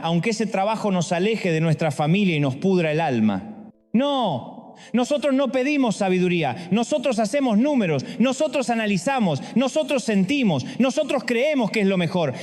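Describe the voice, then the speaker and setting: A male preacher delivers a sermon in a rather high voice. He works through rapid, dramatic rhetorical questions. A long reverb trails after his words. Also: darkish tone.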